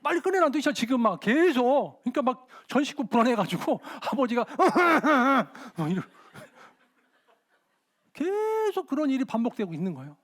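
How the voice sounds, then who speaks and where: Middle-aged male pastor, high voice, animated sermon storytelling. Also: brisk. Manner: animated storytelling, shouting out quoted dialogue. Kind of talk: sermon with dramatized anecdotes.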